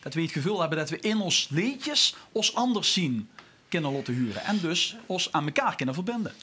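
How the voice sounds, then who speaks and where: A man's voice: a little high, big pitch swings, a little fast, pushed and bright, slight background noise. A man with a Limburg accent hosting a moderated discussion. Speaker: panel host.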